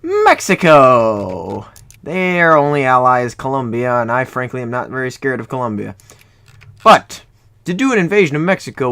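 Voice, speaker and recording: A young man from Ohio, USA, a gaming YouTuber, talks casually over a strategy game he's playing in a room at home. His voice is medium-pitched and a little bright, and he rambles, corrects himself, and cracks jokes along the way.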